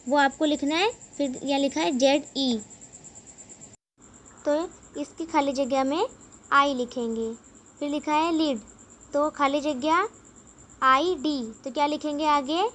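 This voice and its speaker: A woman teaching young children English, slowly spelling out each word letter by letter and explaining it. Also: high voice. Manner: slow, spells words letter by letter.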